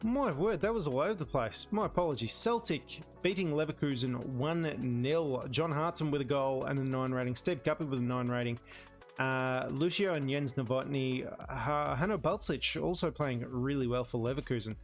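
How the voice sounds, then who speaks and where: A man's voice: medium pitch, normal speed, faint music behind. A man commentates casually on a football management game, reading out results in a conversational way with wry exclamations. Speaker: host of a gaming series.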